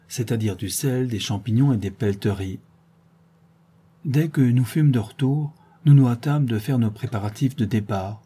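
A man narrating an old travel account in a measured, formal reading. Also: lowish voice, dark tone, breathy edge. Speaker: audiobook narrator.

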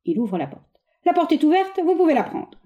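A woman reading a stage play aloud, voicing a haughty, exasperated middle-aged gentleman with sharp, condescending exclamations. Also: very high-pitched, sing-song, fairly quick, phone-quality sound, voice pushed up.

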